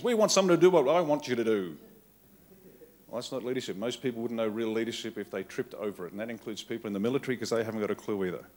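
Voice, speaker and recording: A middle-aged man with an Australian accent, giving a rousing political keynote from a conference hall stage into a podium microphone, speaking in punchy, emphatic short phrases that he often repeats. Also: medium pitch. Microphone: podium microphone on a stand.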